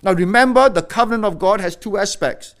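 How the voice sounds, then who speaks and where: A middle-aged pastor preaches at a brisk pace, swinging between loud exhortation and quiet, low warnings.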